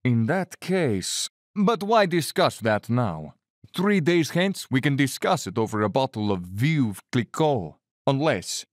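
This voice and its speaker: Aristocratic general, audio drama villain, suave, condescending, very varied intonation, dry studio sound. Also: male voice, medium pitch, very animated, slow, dry recording. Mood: suave, dismissive. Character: urbane, cold aristocratic Cossack general and hunter.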